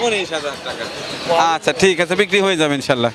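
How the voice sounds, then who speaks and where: A man's voice: a little high, lively intonation, very fast. A Bangladeshi man working as a field reporter in an outdoor market, questioning sellers and repeating their answers back for viewers. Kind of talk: on-location market interview for viewers. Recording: busy outdoor market crowd noise.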